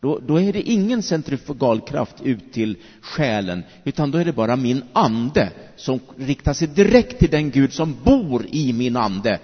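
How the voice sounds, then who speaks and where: A man preaching a sermon as pastor, with animated delivery and slow, drawn-out emphatic phrases. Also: medium pitch, breathy edge. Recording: dull recording with long hall reverb.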